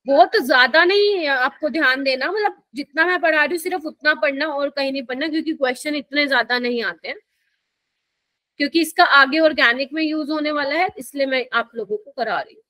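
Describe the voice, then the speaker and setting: A woman teaching a live chemistry class in Hindi mixed with English, speaking in an Indian accent. She explains patiently and slowly, and keeps checking that the students understand. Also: high-pitched, bright, forceful tone, no echo.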